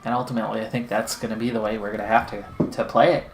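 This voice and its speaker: A man's voice: fairly low pitch, level tone, fast talker, a little hiss or hum. Roomy-sounding man narrating his game. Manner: anxious, pleading running commentary. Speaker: gaming channel host. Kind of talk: let's-play commentary.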